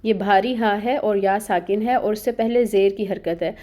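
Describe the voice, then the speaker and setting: A woman's voice: medium pitch, mellow. A woman teaching Quran recitation rules in an online lesson, explaining each sound patiently and step by step, often checking in with her students.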